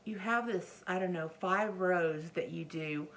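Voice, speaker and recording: Slow, creaky-voiced middle-aged woman chatting. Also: on the low side, a bit bright. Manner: hesitant, often trailing off and correcting herself. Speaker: crochet vlogger. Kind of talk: casual rambling show-and-tell to camera. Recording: faint background noise, occasional chair creaks.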